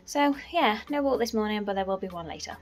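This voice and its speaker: A fast-talking woman with an expressive, mid-range voice records a walking vlog on a handheld phone at arm's length. She rambles casually, saying "so" and "um" a lot, as she goes from the streets of town to indoors at home.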